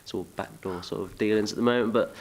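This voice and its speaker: A man's voice: fairly low pitch, steady tone, fast, vocal fry, darkish tone, slight background noise. A young man from England chatting casually in an interview, rambling and self-deprecating. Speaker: musician, interview guest.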